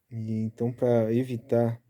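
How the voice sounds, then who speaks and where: A man giving a casual Bible study, explaining step by step and tagging his sentences with quick checks to the listener. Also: medium pitch, dark tone. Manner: chatty, keeps tagging lines with "né?"; explaining Hebrew letters and pronunciation step by step.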